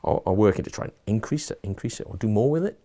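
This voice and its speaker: A middle-aged man talks through his advice in an interview, pausing and restarting as he thinks. His voice is low and mellow with a gravelly edge. He sounds reflective and plain-spoken. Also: lively intonation. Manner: thoughtful, restarts and repeats words, offers homely advice. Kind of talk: reflective casual conversation.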